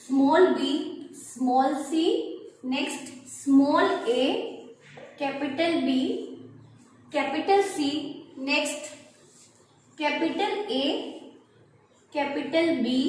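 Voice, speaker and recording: Heard from a distant microphone in an echoey classroom with faint noise, a woman biology teacher with a high voice lectures her class. She addresses students as "beta" and answers the questions she puts to them.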